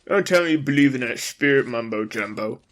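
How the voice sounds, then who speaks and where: A man's voice: mid-range voice, lively intonation, brisk, fairly bright tone, natural voice. A man voicing a skeptical, foul-mouthed soldier who scoffs at talk of magic. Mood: blunt scoffing. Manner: scoffing, swearing.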